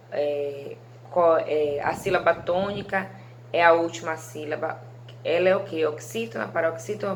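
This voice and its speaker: A woman's voice: on the low side, slight background noise. A woman teaching a recorded video lesson to young pupils, affectionate, stretching out stressed syllables and checking in often with "né?" and "certo?". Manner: frequent tag questions like "né?" and "certo?". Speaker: primary school teacher.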